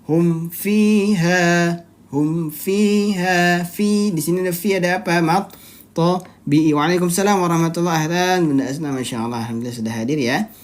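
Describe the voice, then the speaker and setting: Patient teacher in a live online lesson. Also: medium pitch. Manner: explains rules step by step and quizzes the students; draws out recited words slowly to demonstrate. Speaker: Quran recitation teacher.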